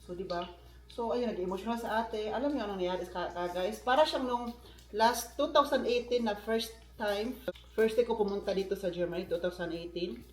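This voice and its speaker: A man's voice: sits high, fairly quick, a little mellow. A man from the Philippines vlogging in a casual, chatty way, often turning to his viewers with asides. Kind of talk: casual vlog chat. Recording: roomy echo.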